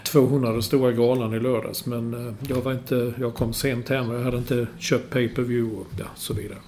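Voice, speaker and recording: A man's voice: medium pitch, flat delivery, a little mellow, slight background noise. A man in casual sports chat, explaining business details with enthusiasm and the odd swear. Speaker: podcast co-host.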